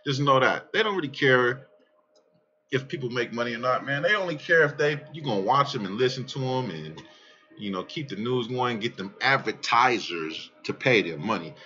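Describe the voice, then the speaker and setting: A man casually talking through his trading charts in a brash, profane, excitable way, often trailing off mid-sentence and restarting. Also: mid-range voice, moderate pace, dull audio. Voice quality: calls his own voice aggressive. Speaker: crypto trading vlogger. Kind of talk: casual rambling chart commentary.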